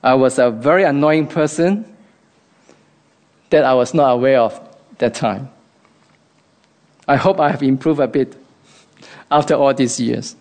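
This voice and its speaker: A man's voice: medium pitch, a little slow, pauses often, a little mellow. A man from Hong Kong with a Hong Kong accent, giving an earnest, reflective devotional talk.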